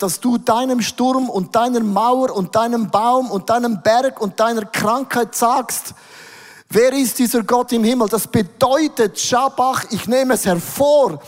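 Emphatic preacher, high voice. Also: male voice. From Switzerland. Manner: emphatic, declaring, voice swelling louder. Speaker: worship leader. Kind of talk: sermon. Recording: reverberant hall.

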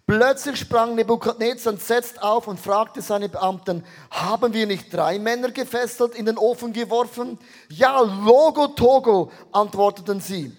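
High-voiced energetic preacher man. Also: a little slow. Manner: energetic, mixes English phrases into German. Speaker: pastor. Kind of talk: sermon.

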